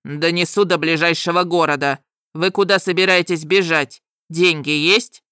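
A huge male dragon barks short, impatient orders in a low growl, voiced by a woman reading the story. The sound is dry and close. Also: steady tone, normal speed, sharp tone, smooth, no echo. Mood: gruff. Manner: growled, curt commands.

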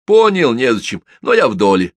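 A man voicing a rough, hoarse drunk criminal watchman who talks in coarse slang. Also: mid-range voice, wildly swooping pitch, a little fast, no echo, voice pushed up. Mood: gruff.

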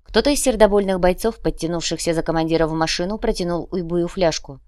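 A woman narrating a fantasy audiobook in an even, measured reading. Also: fairly low pitch, no room sound, clean studio sound.

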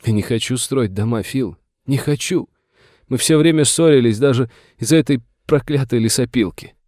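Man doing a scared old rancher, plaintive, pleading, raised pitch, audiobook reading. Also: moderate pace, darkish tone, no echo, studio quality, lightly acted. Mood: fearful, plaintive. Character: frightened aging male rancher, tearful and whining.

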